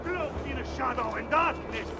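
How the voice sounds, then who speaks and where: An actor playing a fanatical preacher in a video game, proclaiming doom to townspeople like a town crier in zealous, declamatory sermon style. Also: male voice, very high voice, loud music behind the voice. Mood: accusing, zealous. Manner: declamatory, zealous, drawn-out oratory.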